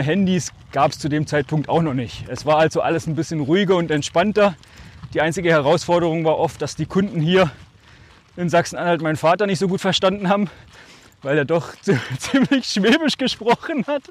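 A German man in his forties, from the Altmark in northern Germany with a slight Swabian touch, tells stories casually as a podcast guest. His voice is a little high, and he reflects in short phrases, often drawing words out.

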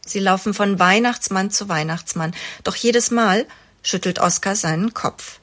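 A woman, a children's author, reading her own Christmas story aloud in a lively way. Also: medium pitch, measured pace.

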